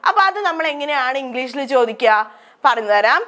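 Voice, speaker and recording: A woman's voice: high-pitched, expressive, a little fast, pushed and bright, slight background noise. A woman with a Malayali accent teaching English grammar, asking questions and answering them herself. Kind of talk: grammar lesson explained in Malayalam.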